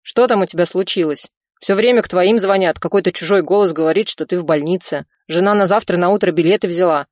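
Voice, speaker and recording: A woman voicing a loyal male cousin who reassures eagerly over the phone, raising her pitch. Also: fast talker, hardly any pauses, darkish tone, no echo, lightly acted. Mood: reassuring.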